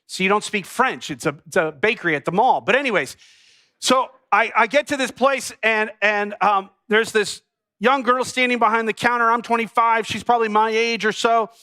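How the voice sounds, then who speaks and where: A man's voice: high voice, normal speed, sharp tone. A man, a pastor giving a sermon as a funny personal story to his congregation. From United States.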